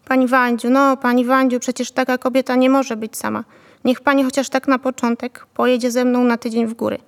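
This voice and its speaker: A woman's voice: a little high, flat delivery, a little fast, close to an everyday voice. A woman voicing a fawning middle-aged male shop owner who talks in a coaxing, ingratiating way.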